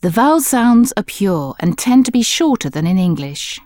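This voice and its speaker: A woman giving scripted instructional narration for a language course, explaining in a clear, measured manner. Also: mid-range voice, very animated, mellow, dry recording, clean studio sound.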